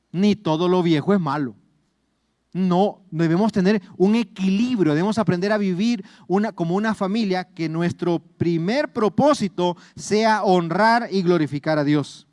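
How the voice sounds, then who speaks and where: Salvadoran pastor preaching, high voice. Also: male voice, a little mellow, dry recording, studio quality. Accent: Salvadoran Spanish. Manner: earnest, repeats words and addresses listeners as brothers. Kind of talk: sermon.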